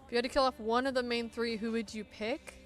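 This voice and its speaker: Brief: young woman artist, stuffy nose, casual playful livestream Q&A, desk mic, quiet music bed. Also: fairly high pitch, fairly even intonation, quick pace. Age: 20s. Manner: chatty, playful, self-mocking. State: congested. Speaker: artist streaming a Q&A. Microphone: desktop mic.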